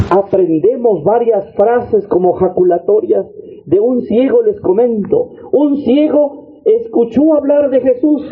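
A man with a strikingly high voice preaches a sermon, building his points through repeated, rhythmic phrases. He exhorts the congregation directly. The sound comes through a thin, phone-like radio line. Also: husky. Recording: tinny phone-like radio broadcast.

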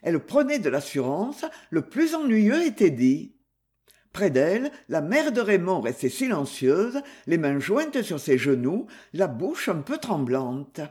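A reader narrating a novel aloud, expressive and varied in pitch. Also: unhurried. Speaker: audiobook reader.

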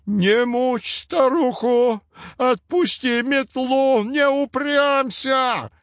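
A man voicing a crafty, spiteful old witch woman with a whiny, nasal, creaky voice. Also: very high voice, very slow, fairly bright tone, no room sound, highs cut off, pitched above the performer's own voice, exaggerated voice. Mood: shrill menace.

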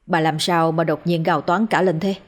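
A woman's voice: lowish voice, normal speed, darkish tone, husky. A woman voicing a worried middle-aged village husband who presses his wife with anxious questions, in a ghost story reading.

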